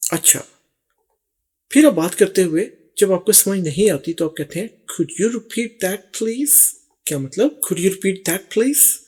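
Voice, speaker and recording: A man with a fairly high, husky voice teaches a language lesson. He speaks slowly and carefully, saying each phrase more than once and translating it word by word. He sounds middle-aged and patient. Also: a little mellow. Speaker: English teacher.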